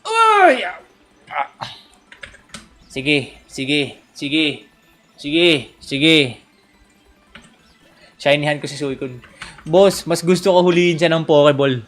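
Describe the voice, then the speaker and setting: A young Filipino man livestreaming a game in casual commentary, joking, teasing and coaxing, with sudden loud outbursts. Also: fairly high pitch, big pitch swings, slow pace, pauses often, faint music behind. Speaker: gaming streamer.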